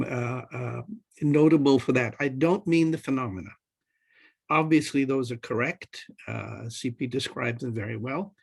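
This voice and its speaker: Husky man lecturing over a video call. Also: mid-range voice. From Pakistan. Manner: argumentative, lecturing, measured. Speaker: panelist economist. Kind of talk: academic panel talk.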